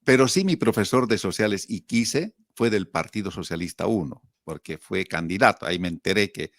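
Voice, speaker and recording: A middle-aged man with a Bolivian accent reminisces casually as an interview guest, speaking in a low voice at normal speed in a dry recording. He's an animated storyteller, acting out quotes and putting rhetorical questions to himself.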